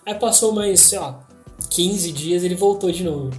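A young man with a Brazilian Portuguese accent hosting a podcast, telling a story in casual slang with dramatic pauses. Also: high-pitched. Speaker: podcast host. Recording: echoey room with faint music.

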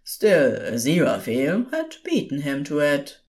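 This is a woman narrating scripted audio fiction, her voice sitting low. As storyteller, she is expressive but keeps a measured pace.

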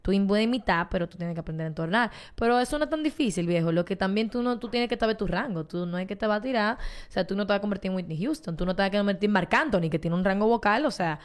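A woman's voice: medium pitch, expressive, quick pace, few pauses. A woman in her twenties with a Dominican accent, a podcast guest explaining things in a chatty, casual way. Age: 20s. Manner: chatty and explanatory, laughs often. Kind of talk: casual chat.

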